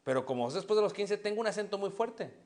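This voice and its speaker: Mexican preacher asking and answering questions. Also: male voice, high-pitched, lively intonation, fast, darkish tone. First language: Spanish. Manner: asks the congregation questions and answers them himself. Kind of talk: sermon.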